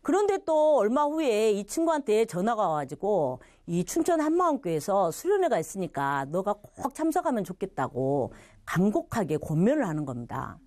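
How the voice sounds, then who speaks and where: A woman's voice: mid-range voice, big pitch swings, moderate pace, hardly any pauses, darkish tone, dry recording, clean studio sound. A middle-aged woman telling her personal church testimony, acting out what others said and laughing now and then. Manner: storytelling with quoted voices and laughter.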